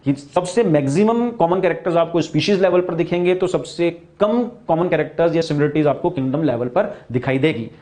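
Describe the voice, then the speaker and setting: An Indian man giving a recorded biology lesson in a slightly high voice. He explains each point at a steady clip, then slows right down to restate the key terms in careful English. His delivery is patient and methodical, like a teacher going over material for exam students. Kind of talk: recorded classroom lecture.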